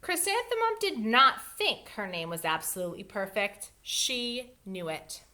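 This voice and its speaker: Bright, very animated woman reading a storybook. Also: a little high. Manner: expressive, pauses to explain words to young children. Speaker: elementary school teacher reading aloud. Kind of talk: animated children's storybook read-aloud.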